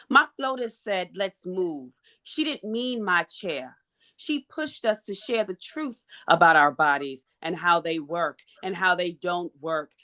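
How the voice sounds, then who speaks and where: On a video call, a woman panelist who advocates for menstrual health performs a spoken-word poem. Her mid-range voice is bright and forceful, and her delivery is rhythmic and emphatic.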